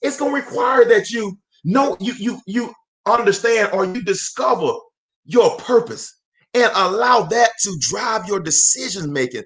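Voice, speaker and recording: A man's voice: sits high, animated, unhurried, fairly bright tone. A man in his forties giving a fervent live motivational talk in a preacher-like cadence, repeating phrases for emphasis and calling out to viewers. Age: 40s. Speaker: motivational speaker and host.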